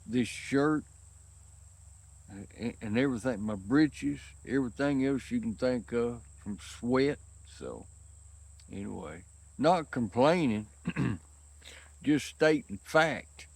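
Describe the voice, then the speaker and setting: A man's voice: mid-range voice, expressive, takes it slowly, vocal fry, pauses often, slightly rough, no echo. A worn-out man talking casually outdoors on a windy day, rambling in a folksy rural way about his pipe. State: worn out and sweaty from work. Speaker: pipe-smoking vlogger.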